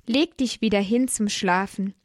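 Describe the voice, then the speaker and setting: A woman voicing the old priest Eli, calm and fatherly, in a storybook reading with measured speech. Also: medium pitch, dry recording, clean studio sound, natural voice.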